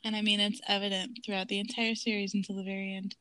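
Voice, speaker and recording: A woman's voice: mid-range voice, flat delivery, fast, bright, forceful tone, dry recording. A woman in her thirties co-hosting a casual rewatch podcast, chatty and laughing, acting out quotes. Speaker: podcast co-host.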